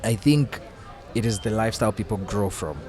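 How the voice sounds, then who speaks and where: Relaxed low-voiced Tanzanian man. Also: brisk, crowd noise. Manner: relaxed, often asks "you understand?". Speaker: podcast guest, entrepreneur. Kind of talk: casual podcast chat.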